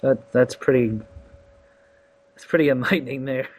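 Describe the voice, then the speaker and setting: A man's voice: mid-range voice, normal speed, darkish tone. A man in a casual conversation who answers mostly with short agreeing replies.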